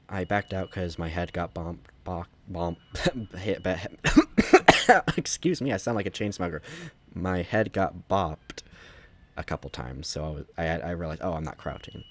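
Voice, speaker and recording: Low-voiced man giving casual game commentary. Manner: rambling, self-correcting, conversational. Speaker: gameplay commentator.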